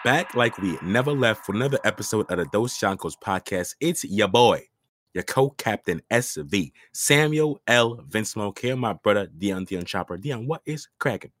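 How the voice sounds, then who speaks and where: A man with a hoarse, half-gone voice from a cold, co-hosting a podcast in slangy, casual chat peppered with "bro". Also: fairly low pitch, lively intonation, moderate pace, a bit bright, dry recording, studio quality. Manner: slangy, says bro constantly. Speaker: podcast co-host. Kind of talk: casual hyped-up anime chat.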